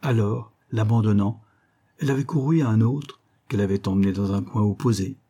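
Male narrator, mellow husky tone, steady novel reading. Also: lowish voice, fairly quick. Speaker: audiobook narrator. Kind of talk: scripted narration.

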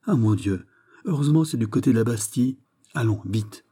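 A man's voice: medium pitch, expressive, brisk, warm tone, close to an everyday voice. A man voicing a loyal aging male servant who answers in short, urgent replies.

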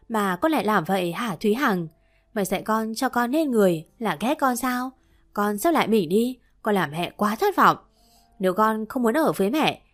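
A strict older mother-in-law scolding in a stern, disappointed way, as a female narrator reads her. The voice sits at a middle pitch over faint background music in a storybook reading. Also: natural voice.

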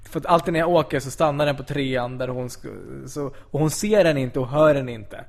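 A man chatting casually on a podcast, telling an animated story and acting out what everyone said. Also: medium pitch, gravelly. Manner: animated storyteller, quotes people with "jag bara". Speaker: podcast co-host. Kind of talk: casual chat, anecdote telling.

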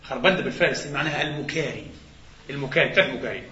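Male lecturer, animated and quick, with a bright, forceful delivery, recorded in an echoey hall with dull sound. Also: mid-range voice. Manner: animated, poses rhetorical questions and answers them. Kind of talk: religious lecture to a congregation.

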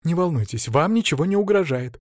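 A man voicing a kind young woman who calms a frightened captive. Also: a little high, brisk, no echo, clean studio sound, pitched above the performer's own voice, lightly acted. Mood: soothing. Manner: soothing, reassuring. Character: kind, calming young woman, a guard's partner.

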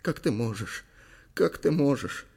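A frightened young actress whimpers and pleads in a high, thin voice, as a male audiobook reader puts her on. She sounds whiny and clingy. Her pitch swoops up sharply when she begs. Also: sing-song, normal speed, darkish tone, slightly rough.

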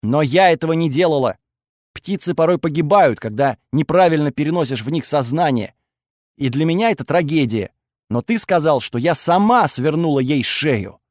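Man putting on a furious young woman, raised and sharp. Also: fairly high pitch, animated, moderate pace, no room sound, studio quality, lightly acted. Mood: furious, accusing. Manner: sharp, accusing and shouting. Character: angry, defensive young woman with strange powers.

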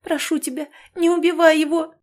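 A woman's voice: high voice, fairly even intonation, moderate pace, dark tone, voice pushed up. A woman voicing a devoted young woman who pleads breathlessly, in a read-aloud story. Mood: desperate.

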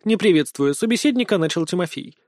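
A man reads the narration of an audiobook with steady, dramatic storytelling. His voice is slightly high and mellow, recorded close in a dry, dead space. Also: fast, no room sound. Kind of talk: scripted narration.

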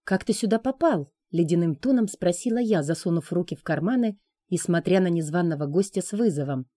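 A woman narrating a fantasy novel in a steady, even storytelling manner. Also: on the low side, fairly quick, no room sound, studio quality. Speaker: audiobook narrator. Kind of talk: scripted narration.

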